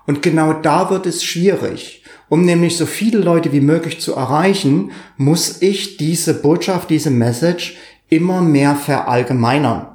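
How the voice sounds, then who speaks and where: A man's voice: a little high, unhurried, darkish tone. A male podcast co-host with a sonorous, velvety voice, explaining thoughtfully in conversation and repeating phrases for emphasis. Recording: roomy, echoing sound.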